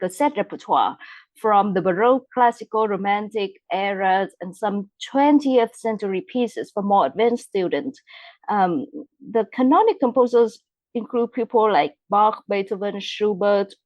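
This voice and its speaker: A woman composer, speaking in a measured way on a podcast panel. Her pitch sits in the ordinary middle range and she uses many ums. The recording is dry and close. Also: a little mellow, no room sound, poor audio. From Vietnam. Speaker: composer guest. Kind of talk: podcast roundtable discussion.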